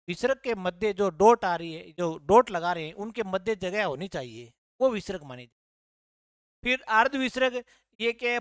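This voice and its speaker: Man teaching a grammar lesson, smooth resonant voice, dry close sound, patient and repetitive. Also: sits high, a bit bright, dry recording. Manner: explains patiently, repeats key points, asks "हैं?" to check. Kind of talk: classroom grammar lesson at a board.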